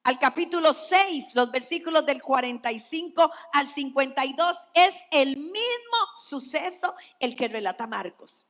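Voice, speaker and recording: A woman pastor delivers a sermon in a high, bright voice, taking her time over each phrase. Her speech swells with emphasis and then sinks to a hush. A long church-hall reverb trails every word. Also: expressive. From Costa Rica. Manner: slow, emphatic preaching with dramatic drops to near whispers.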